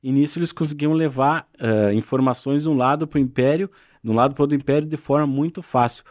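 A man's voice: mid-range voice, fast, dry recording, studio quality. A man, the guest on a podcast, patiently explaining regional expressions in casual chat. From southern Brazil. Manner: patient, explanatory, frequent tag questions. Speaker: guest, gaúcho culture content creator.

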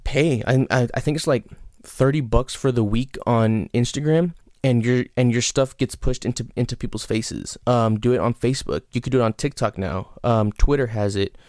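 Hiccuping throughout, this podcast host delivers candid, rambling advice on his casual solo show, swearing casually and restarting often amid many fillers. His voice is mid-range and darkish at a normal speed, captured in studio quality with no room sound.

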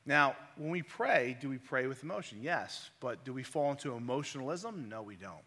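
A man's voice: mid-range voice, animated, moderate pace, bright, forceful tone. A man preaching a conversational sermon, asking his listeners rhetorical questions. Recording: long reverb of a large hall.

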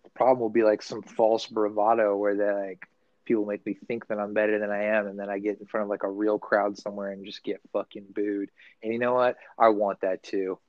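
A man's voice: fairly low pitch, flat delivery, a little fast, dry recording. A man co-hosting a casual podcast, rambling and swearing freely, often restarting his sentences. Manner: rambling, profane, loose and self-correcting. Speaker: podcast co-host. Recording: dull, dry recording.

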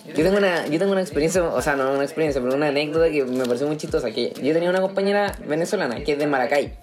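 A young Chilean man talks as a guest in a casual podcast. He jokes, swears freely and defends himself against teasing. Music plays clearly behind him. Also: on the high side, racing. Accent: Chilean Spanish. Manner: joking, defensive, swears often.

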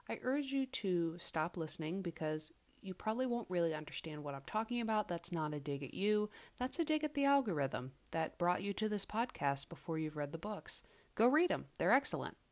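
A woman presents a solo podcast in a slightly low voice. Her delivery is measured and deliberate, with pauses for effect. The recording has an echo, as if made away from a proper studio setup. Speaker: podcast host. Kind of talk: podcast monologue, book commentary. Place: away from usual podcast setup, echoey room. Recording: echoey makeshift recording space.

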